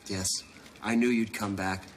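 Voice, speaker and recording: A man's voice: fairly low pitch, steady tone, measured pace, heavy background noise, lightly acted. A man playing a teasing single father in a 1990s sitcom, with dry, sarcastic wit. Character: wry, teasing middle-aged single dad.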